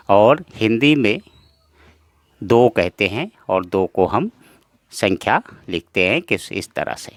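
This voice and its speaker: Patient male teacher, lowish voice, repeats each point, dry close sound. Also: no echo. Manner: patient, repetitive, addresses viewers as friends. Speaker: language teacher. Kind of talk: slow explanatory lesson.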